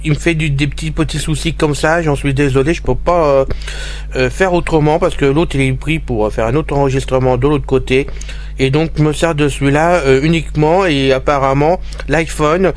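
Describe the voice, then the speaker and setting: A man's voice: fairly high pitch, fairly even intonation, normal speed. A man presenting an informal step-by-step tutorial, talking straight to his listeners as he describes what he does. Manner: addresses listeners directly, narrating his own actions. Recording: faint hiss from recorder. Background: hiss.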